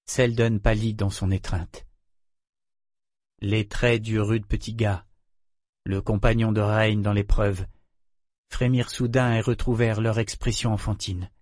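A man reading a novel aloud as an audiobook narrator, in a measured, even storytelling manner. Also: fairly low pitch, dry recording, studio quality. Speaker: audiobook reader. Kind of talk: scripted narration.

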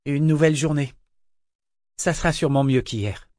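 A man's voice: on the high side, moderate pace, darkish tone, no echo, clean studio sound, natural voice. A man voicing a tired, stubborn young woman ship captain in an audiobook, speaking in an earnest, tense way.

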